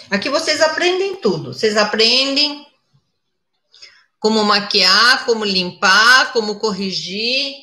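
A mature woman teaches makeup in a slow, chatty way and keeps checking in with her viewers. Her voice is bright and clear. She is recorded in an echoey room. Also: mid-range voice. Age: older. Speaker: makeup instructor. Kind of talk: live makeup tutorial.

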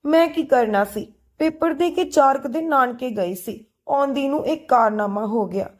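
A woman voicing a tearful, sharp-tongued young bride-to-be. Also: high-pitched, normal speed, lightly acted. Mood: teasing. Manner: tearful, sharp-tongued teasing with her friend. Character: young woman upset about her arranged match.

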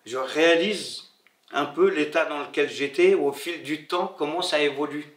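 In an interview, a middle-aged man from Morocco, now a bookseller, looks back on his life in French he learned after coming to France, his speech full of hesitations, repetitions and word-searching. The voice is slightly high and somewhat bright. He is seated against a bare wall indoors, and the recording sounds roomy, with the mic set a little far away.

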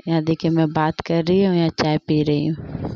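A young woman narrates her evening chores in a family vlog voice-over. She talks step by step in a low, flat voice. The close, dry recording sounds slightly muffled. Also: normal speed, no room sound. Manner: plain step-by-step narration, repeats "dekhiye". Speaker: family vlogger.

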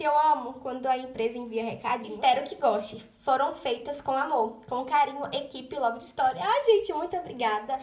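A young adult woman from Brazil with a voice that sits high chats gushingly to her phone camera, held at arm's length indoors at home, often calling out to viewers. Slight background noise is present, and her nose is stuffed up from a cold.

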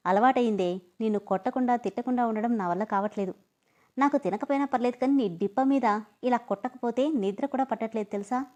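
A woman's voice: on the high side, fast, mellow, muffled recording, natural voice. A woman reading a story aloud, voicing a bossy young man who mocks and teases. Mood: teasing. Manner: mocking and domineering.

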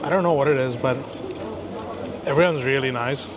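A man's voice: medium pitch, normal speed, background noise. A man in his thirties from India, casually reviewing sandwiches to camera on an outdoor café terrace, tasting and reacting aloud as he goes. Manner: chatty, relaxed, tastes and reacts aloud. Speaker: food vlogger. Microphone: camera-mounted shotgun mic.

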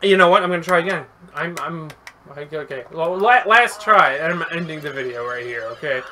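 A gaming video host giving casual play-by-play commentary, yelling and swearing at the game, then chatting to viewers in a friendly, rambling way. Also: mid-range voice, brisk, slight background noise. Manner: excitable, yells and swears at the game.

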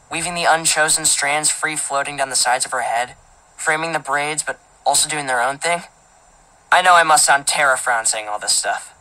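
Bright-voiced woman reading a casual teen monologue. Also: sits low, rough recording. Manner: casual, filler-heavy, indignant teen tone. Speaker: audiobook reader. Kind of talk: audiobook narration of a teen boy's first-person story.

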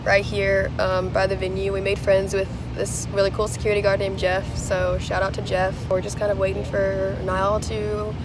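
A young woman vlogging in a casual, excitable way into a handheld camera, talking in a chatty style with lots of "like", outdoors in the city and in a car. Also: medium pitch, moderate pace, hardly any pauses. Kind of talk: casual vlog narration. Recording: loud street and traffic noise.

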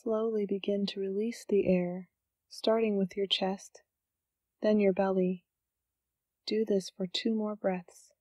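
At a medium pitch and with no echo in the recording, a woman calmly reads a scripted guided meditation, her gentle instructions separated by unhurried pauses.

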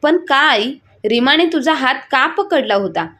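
A woman's voice: sits high, expressive, a little slow, a bit bright, heavily acted. A woman voicing a worried grown son and husband who asks anxious questions. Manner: questioning, concerned.

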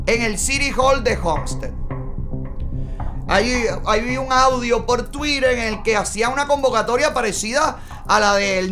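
Gesturing a lot in a small studio set against a bright backdrop, a middle-aged Cuban host offers indignant political commentary in a Cuban Spanish accent. He speaks at an extremely high pitch, with a pushed, bright sound.

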